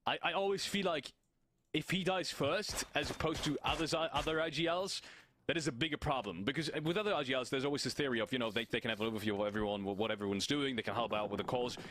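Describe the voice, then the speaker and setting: A man's voice: medium pitch, fast, fairly bright tone, slight background noise. A man giving live esports color commentary, analytical, often restarting and repeating words as he thinks. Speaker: esports caster.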